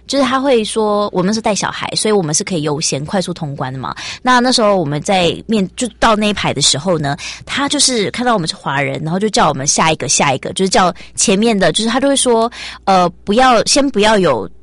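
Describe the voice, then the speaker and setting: A fast-talking woman, hosting a relaxed podcast conversation. She speaks in a chatty, sympathetic way and keeps the talk moving. Her voice sounds dry and close to the mic. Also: mid-range voice, no echo. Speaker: host. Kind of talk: casual chat.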